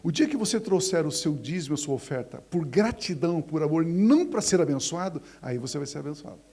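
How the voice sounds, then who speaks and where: A man preaching a sermon as a pastor, swinging from hushed to loud. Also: a little high, animated, a little fast, slightly rough. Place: church.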